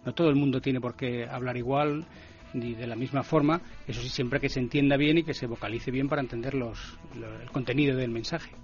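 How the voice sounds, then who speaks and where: A man speaking as a guest commentator in a radio discussion, measured and explanatory. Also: medium pitch, steady tone, highs cut off, faint music behind.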